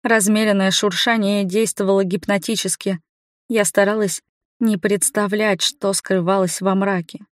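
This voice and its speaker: A woman narrates a first-person fantasy audiobook at a mid pitch, building tension and suspense as she reads. The recording is dry and close, with no room sound behind her. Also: little pitch movement, normal speed, no room sound. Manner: tense, suspenseful storytelling. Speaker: audiobook reader.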